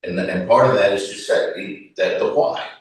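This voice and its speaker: Male participant, lower voice, reflective and halting, distant echoey sound. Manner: reflective, halting, restarts often. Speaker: workshop participant. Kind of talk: informal group talk. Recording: echoey room, mic far off.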